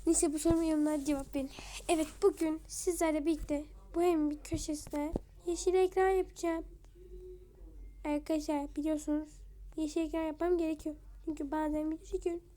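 A woman with a high but fairly flat voice talks her viewers through a building game in a casual, chatty way. Her tone is soft and mellow, and she drifts into quiet muttering as she works. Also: fairly quick. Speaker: game video creator. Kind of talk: casual gameplay commentary.

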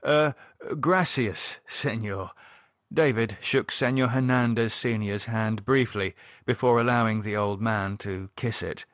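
A man reading a horror novel aloud as narrator, measured and unhurried. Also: lowish voice, steady tone, no echo, clean studio sound. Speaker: audiobook narrator. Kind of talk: scripted narration.

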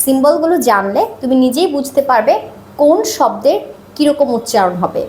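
A woman teaching a video lesson, speaking slowly and repeating sounds drill-style. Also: high-pitched, lively intonation, a little mellow, roomy sound, a little hiss or hum. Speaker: English teacher.

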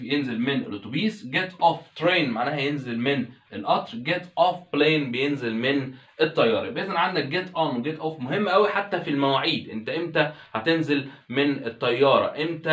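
A man with an Egyptian Arabic accent teaching an English lesson, repeating each example slowly and clearly. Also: medium pitch, fairly bright tone, reverberant. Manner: slow drawn-out English examples, repeats phrases. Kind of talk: explaining language lesson.

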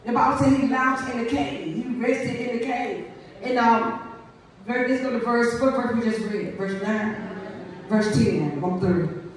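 A woman's voice: a little high, a little slow. A woman pastor preaching a fervent call-and-response sermon at a church service. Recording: echoey room, voice from a distance.

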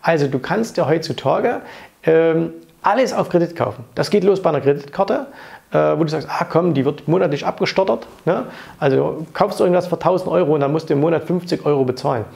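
A man in his thirties, a finance coach who hosts his own channel, gives blunt, opinionated money advice straight to camera in an indoor office hung with framed pictures. His voice sits on the high side, animated and a little fast, with vocal fry and a slightly mellow quality. Speaking casually into a lapel mic, he drops frequent fillers and tag questions.

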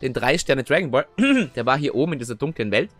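A young man giving chatty, excitable let's play commentary, often tagging his sentences with little questions. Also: mid-range voice, brisk. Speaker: gaming video host. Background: faint game music.

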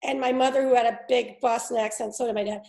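High, gravelly woman in an echoey room. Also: fairly even intonation, darkish tone. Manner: chimes in with quips and quick laughs. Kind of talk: casual chat.

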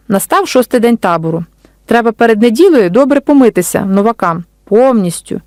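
A woman author reading her storybook aloud in a gentle, unhurried way. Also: on the high side, no room sound, clean studio sound. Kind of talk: storybook narration.

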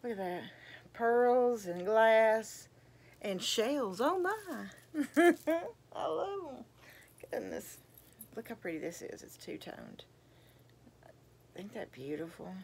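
An older woman chatting casually as she shows off gifts, gushing and exclaiming over each item in folksy, drawn-out phrases. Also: fairly high pitch, very animated, creaky, a little mellow, breathy edge. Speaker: vlogger showing gifts. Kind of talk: casual show-and-tell chat.

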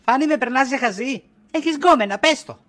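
A woman's voice: sits high, lively intonation, fairly bright tone. A woman playing a jealous nagging wife. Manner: insistent, accusing, nagging. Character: jealous suspicious wife, middle-aged. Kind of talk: comedy sketch acting.

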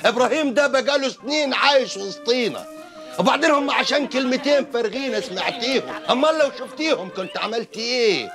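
A man's voice: very high voice, animated, quick pace, music in the background. An actor playing an uncle who scolds and soothes his angry niece. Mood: placating. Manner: placating, scolding. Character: gruff uncle trying to calm his niece.

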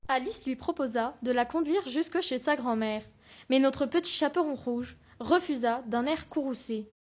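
A student narrating a fairy-tale storybook about road safety for a school project, reading steadily aloud. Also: female voice, sits high, normal speed, darkish tone.

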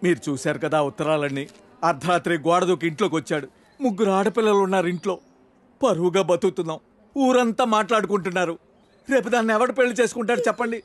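A man's voice: sits high, fast talker, long pauses, dry recording, natural voice. An actor playing a worried middle-aged village father who speaks earnestly. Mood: pleading. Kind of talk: film drama.

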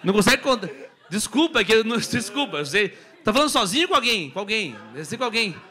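A man from Brazil doing stand-up crowd work, teasing the audience loudly on a comedy club stage. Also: sits high, big pitch swings, quick pace. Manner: teasing, loud, jokey banter with the audience.

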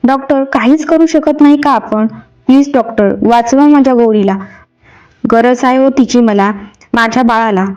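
A woman's voice: fairly high pitch, normal speed, darkish tone, lo-fi sound, lightly acted. A woman voicing a grieving young husband, pleading in grief and then standing firm, in a storybook reading. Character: grieving young husband, man, heartbroken and defiant.

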